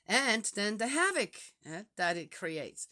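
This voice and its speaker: A woman's voice: medium pitch, big pitch swings, a little slow, pushed and bright. A woman from Switzerland with a Swiss German accent, talking in a reflective, casual way with many fillers and restarts.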